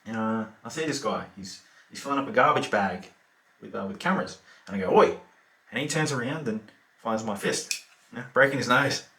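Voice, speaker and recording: Remorseless lazy Australian killer, played by a male actor; offhand, laconic delivery with fillers; medium pitch; roomy echo. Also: a little fast, bright, forceful tone, far from the mic. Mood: offhand calm. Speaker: actor performing a monologue. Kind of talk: theatrical monologue.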